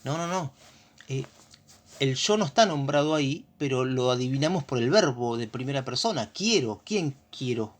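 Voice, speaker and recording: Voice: mid-range voice, expressive, moderate pace. A teacher with an Argentine accent explaining grammar in a lesson, patient and often checking understanding with short questions.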